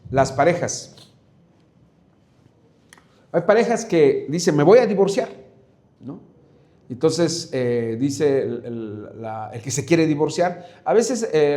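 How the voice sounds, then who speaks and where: A man teaching a Bible study on Proverbs, animated, with frequent fillers and restarts. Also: on the high side. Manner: animated, acts out shouts and whispers in examples. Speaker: preacher.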